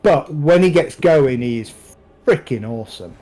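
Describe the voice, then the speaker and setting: A man running a tabletop role-playing game on stream. He narrates scenes and talks rules in a relaxed way, with pauses and fillers. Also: medium pitch, soft background music, low-quality recording. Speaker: game master.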